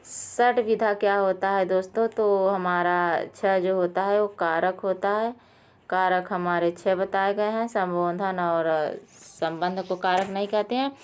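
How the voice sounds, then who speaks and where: A woman teaching Sanskrit exam questions, going through each answer, often calling out to her viewers and correcting herself with a quick apology. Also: mid-range voice, fairly even intonation, smooth. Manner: addresses viewers as friends, with fillers and self-corrections. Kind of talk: quiz lesson explaining answers.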